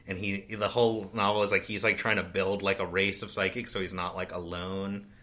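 A man's voice: low voice, little pitch movement, brisk, sharp tone. A man co-hosting a podcast, chatting casually about a novel with lots of fillers and restarts. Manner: rambling, many fillers and restarts. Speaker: podcast co-host. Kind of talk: casual book discussion.

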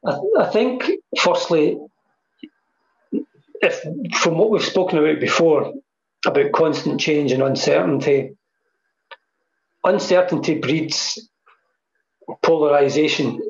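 Pausing often and taking it slowly, a man with a fairly high voice and vocal fry muses on mindfulness as an interview guest, repeating phrases for emphasis. He is heard through a computer mic on a video call, the sound dull and echoey.

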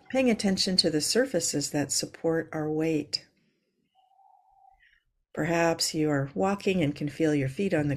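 Low-voiced woman guiding a calm grounding exercise. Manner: slow, measured, soothing instruction. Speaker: host leading a guided breathing exercise.

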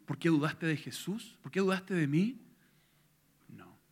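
A man preaching a sermon, retelling a story and swinging between hushed tones and loud, intense passages. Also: fairly high pitch, measured pace, husky.

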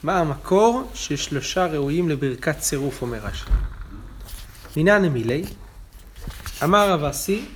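A man's voice: fairly high pitch, expressive, pauses often. A man. He explains line by line and raises his voice to chant each quoted verse. Faint noise sits under the recording. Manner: explains texts, chanting quotations louder. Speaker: Talmud teacher. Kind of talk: daily Talmud class.

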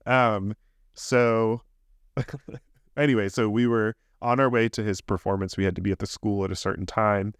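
A man's voice: lowish voice, fairly even intonation, moderate pace, clear, resonant tone, dry recording, clean studio sound. A man in his thirties, a podcast co-host, telling a candid, rambling story in casual chat.

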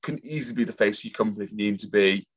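A man's voice: on the low side, very fast, slightly rough, muffled recording. A man co-hosting a casual podcast, telling stories in a chatty way. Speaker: podcast co-host.

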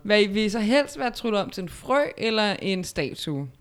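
A woman's voice: mid-range voice, very animated. A woman chatting casually and teasing the storyteller. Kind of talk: casual chat.

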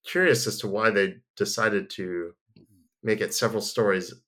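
Easygoing low-voiced man hosting. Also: moderate pace, bright, forceful tone. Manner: easygoing, rambling with fillers. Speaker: podcast host. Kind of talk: casual chat and live ad read.

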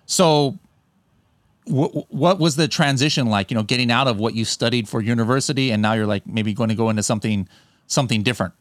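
A man's voice: medium pitch, a little fast, no room sound. An American man hosting a podcast from his home studio, chatting casually with many restarts. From United States. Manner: relaxed, rambling with many restarts. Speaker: podcast host. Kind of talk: casual interview chat.

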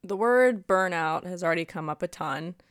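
A woman's voice: lowish voice, moderate pace, dry recording, clean studio sound. A woman hosting an interview, framing thoughtful questions for her guest. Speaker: podcast host.

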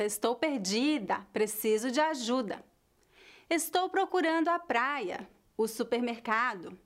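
A Brazilian woman teaching Portuguese phrases in a clear, deliberate way, with a Brazilian Portuguese accent. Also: sits high. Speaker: language teacher. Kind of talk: slow scripted lesson narration.

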